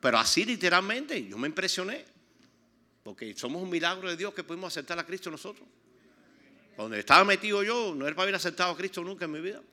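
Older man, Cuban accent, gravelly, bright forceful tone, lively sermon storytelling. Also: fairly high pitch. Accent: Cuban Spanish. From Cuba. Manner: animated storytelling, acts out quoted people. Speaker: preacher giving testimony. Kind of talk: sermon testimony.

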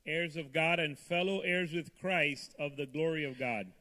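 Bright, high-pitched male sermon interpreter. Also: unhurried. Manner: echoes the preacher phrase by phrase. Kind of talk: live consecutive interpreting of a sermon.

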